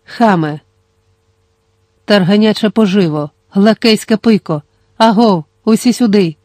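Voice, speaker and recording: A reader voicing an enraged merchant woman sorceress who screams insults and then turns soft and placating. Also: medium pitch, measured pace, no room sound, clean studio sound, lightly acted. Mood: furious. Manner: scolding, shrieking insults.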